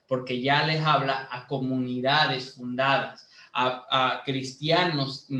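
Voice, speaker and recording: Male lay preacher from Bolivia, unhurried teaching sermon, echoey room sound. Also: medium pitch, a bit bright. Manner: slow, teaching tone with many fillers, rising to emphatic preaching. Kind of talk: sermon to a youth group.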